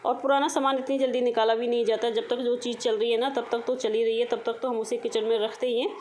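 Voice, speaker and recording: A woman's voice: fairly high pitch, flat delivery, fast, a little mellow, slight background noise, rough recording. A woman in her thirties chatting casually to viewers in a home vlog, talking to them directly. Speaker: vlogger.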